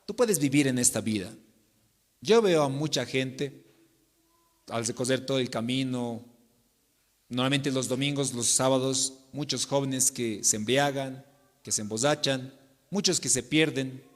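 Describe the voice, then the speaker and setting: A man preaching a sermon to his congregation, swinging between loud declarations and hushed pleas. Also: mid-range voice, unhurried, long pauses. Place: church sanctuary. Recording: long church reverb.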